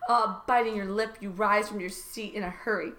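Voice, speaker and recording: A woman's voice: medium pitch, fairly even intonation, moderate pace, a bit bright. A woman podcast co-host reading fan fiction aloud in a mock-dramatic way, often breaking into laughter. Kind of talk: comedic dramatic reading with banter.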